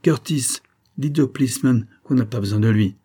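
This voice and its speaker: A man's voice: mid-range voice, normal speed, slightly rough, pitched above the performer's own voice, natural voice. A man doing a raging haughty baronet. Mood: furious. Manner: shouting angry commands. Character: furious proud baronet, quick-tempered nobleman.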